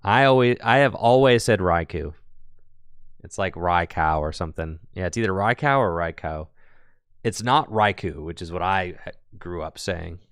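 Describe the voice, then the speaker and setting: A man's voice: sits low, expressive, fairly quick, hardly any pauses, clear, resonant tone, no room sound, studio quality. A man giving casual play-by-play commentary on a card game tournament, chatty and thinking aloud as he goes.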